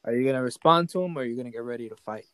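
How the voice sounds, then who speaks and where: A man's voice: medium pitch, very fast, fairly bright tone, no room sound. Casual male storyteller running a game. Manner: casual, keeps checking in with "right?". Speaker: game master. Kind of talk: improvised tabletop storytelling.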